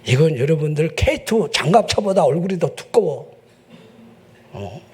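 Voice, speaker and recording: A man pastor with a Chungcheong accent preaching a sermon in a church, joking with the congregation and breaking into shouts. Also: a little high, moderate pace, husky. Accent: Chungcheong Korean. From Chungcheong, South Korea. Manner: joking, animated, bursts into shouting. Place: church sanctuary.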